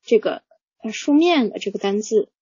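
A woman teaching English vocabulary, slowly drilling word pronunciations and explaining them patiently to learners. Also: medium pitch, animated, warm tone, breathy edge, no echo. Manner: slow, patient, drills words aloud. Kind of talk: pronunciation lesson, repeating words. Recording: dull, lo-fi, dry.

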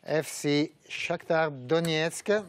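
Halting middle-aged man hosting a draw. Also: fairly high pitch, a little hiss or hum. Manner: halting, with frequent "uh" pauses. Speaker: draw host. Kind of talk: presenting a live tournament draw.

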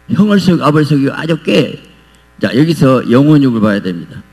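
A man preaching a revival sermon in a church as pastor, animated and acting out pleading prayers. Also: fairly high pitch, vocal fry. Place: church sanctuary. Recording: long hall reverb with mains hum.

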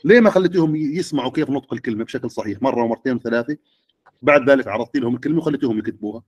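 A man's voice: mid-range voice, very fast, husky, dry recording, lo-fi sound. A middle-aged man, lecturing teachers and often checking with the audience. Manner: questioning the audience.

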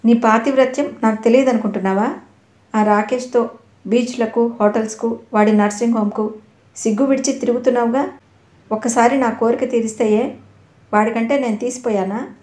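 Lady narrator doing a creepy pushy young guy, pleading then nasty, mellow echoey sound. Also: on the high side, steady tone, moderate pace, lightly acted. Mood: sneering. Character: pushy predatory young man, wheedling and menacing. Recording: echoey room.

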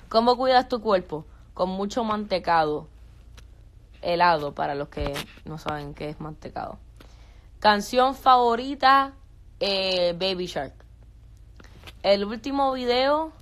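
A woman's voice: medium pitch, slight background noise. A young woman, chatting on a phone live stream, reading viewer questions aloud and answering casually. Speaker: social media creator.

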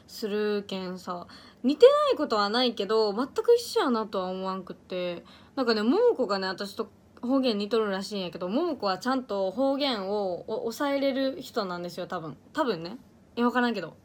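Chatty young woman with Iyo dialect. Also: on the high side. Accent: Iyo dialect of Ehime, Japan. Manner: chatty, laughs often, stumbles and restarts words. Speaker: idol livestreamer. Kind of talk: casual livestream chat reading comments.

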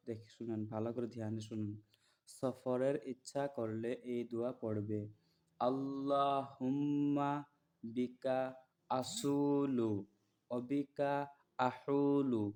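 A man teaching listeners to memorize prayers, chanting each word slowly and repeating it, then explaining plainly and checking that they follow. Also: medium pitch, dark tone. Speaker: religious teacher.

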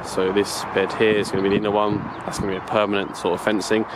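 A man's voice: on the low side, fast. Rambling man filming his allotment outdoors. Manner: rambling, chatty, self-correcting. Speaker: allotment vlogger. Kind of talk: casual walking tour narration. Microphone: handheld camera mic, filming from own view. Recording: outdoor camera audio with steady background noise.

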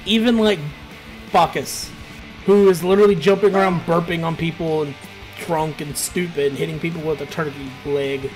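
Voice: medium pitch, fairly even intonation, normal speed, darkish tone, soft background music. A gameplay commentator talking casually over a match, rambling and ranting with plenty of filler words. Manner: rambling, ranty, laid-back with filler words.

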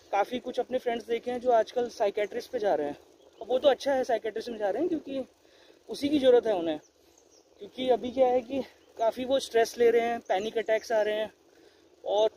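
A young man from India rides a bicycle near an empty stadium, talking casually to his handlebar-mounted camera and sincerely offering viewers friendly guidance. His voice sits high. The camera mic picks up plenty of loud outdoor noise.

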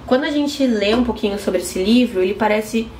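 A woman's voice: on the high side, brisk, a little mellow. A young woman with a Brazilian Portuguese accent, chatting to camera as a book vlogger while she trims plants on an apartment balcony. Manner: chatty, trimming pepper plants while talking. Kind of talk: casual chat to camera. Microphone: camera at close range. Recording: roomy echo, faint background noise.

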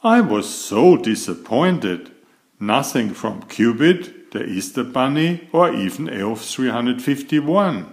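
A man reads a children's picture book aloud in a mid-range voice. His storybook narration is slow and expressive.

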